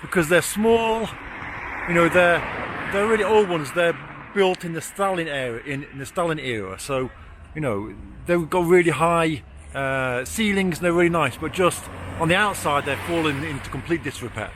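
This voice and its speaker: On a casual walk-and-talk vlog through city streets, a man of forty chats bluntly, pokes fun at himself, and swears freely. His voice runs on the high side at a normal speed, and he can't pronounce or roll his R clearly. Traffic and city sounds surround him.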